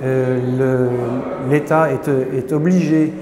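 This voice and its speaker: A man's voice: mid-range voice, steady tone, slow pace. A man explaining history at an exhibition, hesitant, with many filler sounds and restarts. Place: indoor exhibition gallery. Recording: echoey hall with crowd behind.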